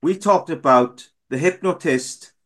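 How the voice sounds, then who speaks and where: A man's voice: a little high, measured pace, fairly bright tone. A man hosting a morning radio show, chatting loosely with fillers and restarts. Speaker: radio host. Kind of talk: casual radio chat.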